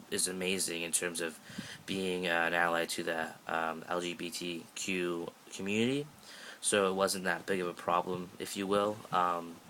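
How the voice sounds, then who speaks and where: A Canadian boy of sixteen gives a loose, jokey vlog update, rambling along with lots of fillers and restarted sentences. His voice is low but has a bright, forceful edge. He holds the phone at arm's length, and a faint hiss sits in the background.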